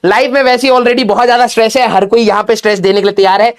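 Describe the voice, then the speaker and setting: A young male teacher tells a playful story to his class, joking as he goes and dropping in English phrases. His voice sits fairly high for a man. The delivery stays loose and chatty. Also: steady tone, very fast, clean tone. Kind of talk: casual storytelling in an online class.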